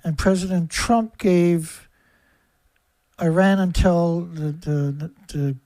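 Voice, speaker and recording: A livestream host, a man, delivers an angry, profane rant packed with hammering rhetorical questions. His voice is fairly high in pitch, with a steady, warm tone and a slow pace, and there is no room sound.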